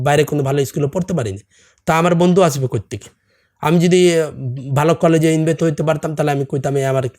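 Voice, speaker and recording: A man's voice: fairly high pitch, darkish tone. A middle-aged man with a non-native Bengali accent and Hindi as his first language, a podcast guest talking casually and earnestly, often pressing his point with rhetorical questions. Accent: non-native Bengali, from a Hindi-speaking camp community. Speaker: podcast guest, salon owner. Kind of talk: casual chat.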